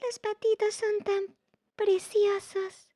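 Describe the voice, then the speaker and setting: A woman voicing a sweet little girl in a children's storybook, speaking in a high, gentle, childlike way. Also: level tone, slow, no echo, studio quality.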